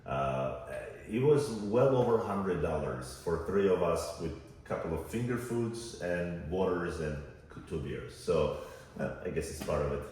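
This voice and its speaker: Deep-voiced man, rambling reflective chat. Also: animated, measured pace, darkish tone. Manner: rambling, reflective storyteller with many fillers. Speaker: podcast co-host. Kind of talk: casual chat. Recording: echoey room, far from the mic, faint noise.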